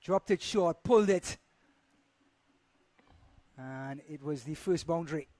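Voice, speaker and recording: A man's voice: fairly high pitch, slow pace, darkish tone, no echo. A man commentating live on a cricket match as the play happens.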